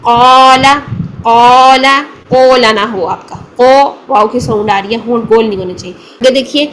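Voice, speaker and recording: Pakistani urdu accent lady teaching recitation, kinda high voice, slow careful syllables, bit of hiss. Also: poor audio. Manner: patient, slow demonstrating of letter sounds. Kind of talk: tajweed lesson.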